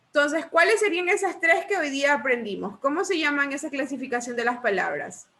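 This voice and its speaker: A woman teacher with a high, bright voice runs a remedial lesson. She patiently quizzes her students with the same questions again and again, then spells out each rule slowly and deliberately. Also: expressive. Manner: slow deliberate dictation of rules. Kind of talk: online remedial class.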